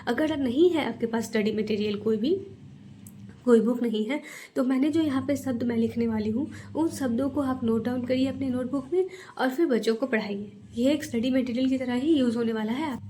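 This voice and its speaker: A woman teaching a phonics lesson to parents, reading syllables aloud one at a time in a slow, patient way. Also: a little high, dark tone, slight background noise. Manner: explains to parents, then models sounds.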